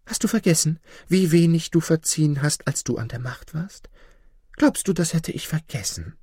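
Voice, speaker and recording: A man narrating a fable and voicing a sly fox with lively, expressive delivery. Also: a little high, moderate pace, slightly rough, no room sound, clean studio sound. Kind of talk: storytelling narration.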